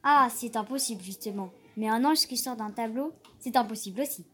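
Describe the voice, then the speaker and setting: A woman's voice: fairly high pitch, fairly quick, slightly rough. A woman voicing a wry talking portrait. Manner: wry and emphatic. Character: small portrait of a dark-faced young man, wry.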